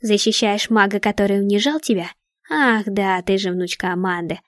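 A woman reading a story aloud, voicing a scheming, sarcastic dark witch who mocks and hisses. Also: mid-range voice, moderate pace, no room sound, clean studio sound, lightly acted. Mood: cold. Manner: mocking, hissing.

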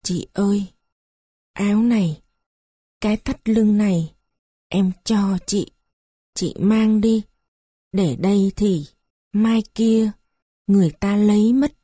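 A woman's voice: mid-range voice, fairly even intonation, takes it slowly, long pauses, dark tone, slightly rough, dry recording, studio quality. A woman voicing a desperate young daughter-in-law who pleads in a tearful lament. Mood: hushed urgent.

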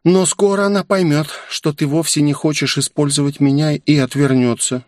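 A man voicing a shy, clingy young woman in an audiobook, speaking in a soft, pleading, raised voice. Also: fairly high pitch, steady tone, moderate pace, no room sound, studio quality, voice pushed up, close to an everyday voice. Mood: confiding.

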